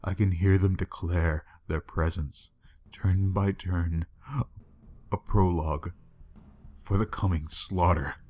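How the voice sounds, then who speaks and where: A man reading a horror story aloud in a measured, grim way. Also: sits low, fairly even intonation, dark tone. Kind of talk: scripted horror narration.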